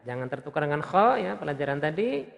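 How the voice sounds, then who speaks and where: A man teaching Quran recitation step by step, patiently repeating sounds and chanting verses in a slow, drawn-out melodic tone. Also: a little high, big pitch swings, creaky, long reverb tail.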